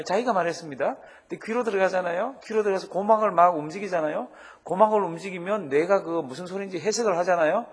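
A middle-aged man preaching a sermon on Bible reading, lively, asking the congregation questions and having them repeat after him. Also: high voice, breathy edge. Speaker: pastor.

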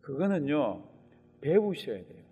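A man preaching a sermon as a pastor, speaking animatedly and acting out quoted lines with sudden loud outbursts. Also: fairly high pitch, very animated, measured pace, husky, dull audio. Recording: long reverb of a large hall.

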